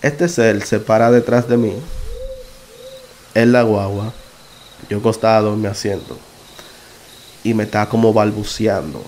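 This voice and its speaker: A man telling his own experience in a casual, halting way, often stopping to correct himself. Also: lowish voice, fairly even intonation, darkish tone, a little hiss or hum. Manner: halting, self-correcting, conversational. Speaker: podcast narrator. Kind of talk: casual first-person storytelling.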